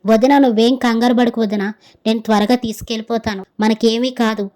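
A woman's voice: a little high, flat delivery, brisk, darkish tone, close to an everyday voice. A woman voicing an easygoing young village man who brushes off talk of ghosts. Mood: reassuring. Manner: breezy, dismissive of fears.

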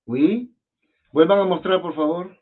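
Over phone-like video call audio, a man with a Peruvian Spanish accent teaches an online French class. His fairly high voice has lively intonation at a normal speed as he patiently repeats words and questions his students.

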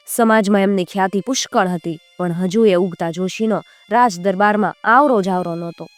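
A woman's voice: medium pitch, no room sound. Woman telling a folk tale. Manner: measured, expressive storytelling. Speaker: storyteller. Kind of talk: scripted folk tale narration.

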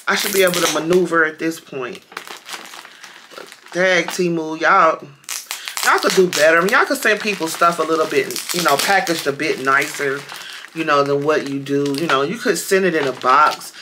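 A woman's voice: sits low, normal speed, background noise. A woman chatting casually to viewers while unboxing a package at home, with lots of fillers and y'all. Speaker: vlogger.

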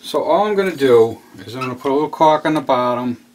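Here the same kind of demonstration plays out: a man at his model train layout in a hobby room talks through a how-to step by step, casually and with repetition. He speaks quickly in an animated, medium-pitched voice over slight background noise.

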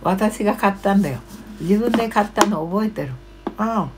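A woman in her seventies chatting casually as a live streamer, reading out viewer comments haltingly with short murmured acknowledgements. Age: 70s. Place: small cluttered room at home, indoors. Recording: low electrical mains hum.

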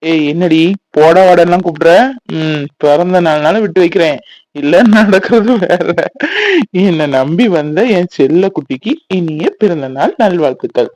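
A man's voice: a little high, normal speed, darkish tone, dry recording, close to an everyday voice, rough recording. A man voicing a teasing, playful young husband in a cartoon. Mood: teasing, fond. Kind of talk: Tamil cartoon voice acting.

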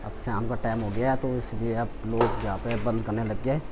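A man's voice: lowish voice, flat delivery, brisk. A young man chatting casually as he films a walking tour of a shopping mall on his phone, pointing things out to viewers. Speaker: vlogger. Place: indoor shopping mall, open galleries. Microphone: phone camera held while walking. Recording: noisy phone audio with street and mall ambience.

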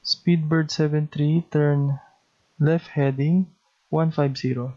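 This Filipino-accented man speaks slowly, his slightly high voice holding a steady tone. His delivery is terse and procedural, like an air traffic control demo, captured on a dull lo-fi recording.

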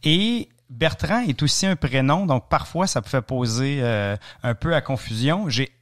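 A man, a guest in a casual interview, telling anecdotes in a relaxed way with dry humor. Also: mid-range voice, unhurried. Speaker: guest, cycling adventurer and author.

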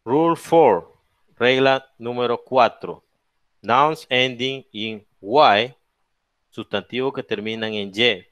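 A male English teacher with a Latin American Spanish accent walks a class through plural rules, switching between English and Spanish. He speaks slowly and spells out letters one at a time. His voice is smooth and resonant and sits close and dry on the mic. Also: mid-range voice, fairly bright tone, dry recording. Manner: explains each rule in English then repeats it in Spanish, checking with "¿ok?" and "¿ya?"; slow, drawn-out spelling of letters and example words. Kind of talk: bilingual classroom lesson.

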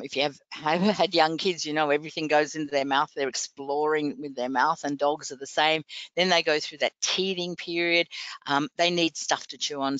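Bright, clear-voiced woman vet. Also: low voice, no room sound. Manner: chatty, encouraging, practical. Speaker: veterinarian presenter. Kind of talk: webinar Q&A answer. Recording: dull lo-fi web call audio.

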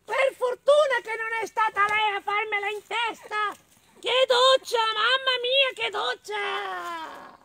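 A man reading a children's story and voicing a small, fussy, indignant female mole in a squeaky, exclaiming voice. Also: takes it slowly, gravelly, sharp tone, exaggerated voice. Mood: disgusted.

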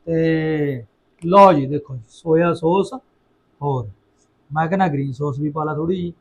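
Male home-cooking vlogger, Punjabi accent, high pitch, chatty, playful, exclamatory, repetitive phrasing. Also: measured pace, slightly rough. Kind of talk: casual chat to viewers while cooking.

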